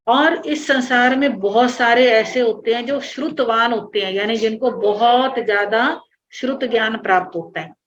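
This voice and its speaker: Woman, religious teacher, patient line-by-line explanation, higher voice, dull lo-fi online class audio. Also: a bit bright, a little hiss or hum.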